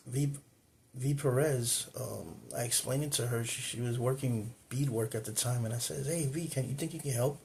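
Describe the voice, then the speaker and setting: Man, host, casual storytelling, rambling, restarts, middle pitch, indoors. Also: creaky, darkish tone. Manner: rambling, with frequent repeats and restarts. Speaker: host of a cultural video channel.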